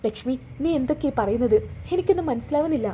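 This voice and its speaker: A woman's voice: high voice, expressive, very fast, warm tone, a little hiss or hum, pitched above the performer's own voice. A woman doing a distraught, tearful mother-in-law. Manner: tearful, pleading.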